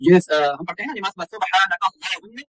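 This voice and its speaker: A man teaching Qur'an recitation step by step. He spells out the letters and vowel marks, then recites in a slow drawn-out chant, and firmly corrects common mistakes. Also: high voice, animated, no echo, low-quality recording.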